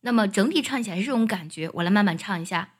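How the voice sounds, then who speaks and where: A woman teaching an English song, explaining each line and singing it slowly as a demonstration. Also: mid-range voice, expressive. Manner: explains pronunciation, then sings demo phrases.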